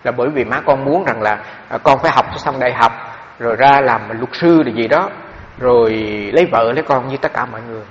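A man's voice: medium pitch, quick pace. A man, a Buddhist monk, giving a dharma talk on meditation, telling stories with many repeated fillers. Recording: dull recording with long hall reverb and faint background noise.

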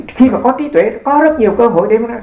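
A man's voice: very high voice, lively intonation, fast, a little mellow. A man, a Buddhist monk giving a dharma talk and answering questions. He explains with rhetorical asides and drops in English words. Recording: echoey room recording.

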